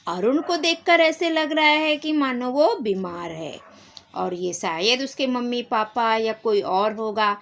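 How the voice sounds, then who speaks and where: A woman teacher with a Marathi-influenced Hindi accent, slowly reading and explaining a school lesson to children, acting out the characters' lines. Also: expressive, a bit bright. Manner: slow, explanatory, acts out character lines with rising pitch.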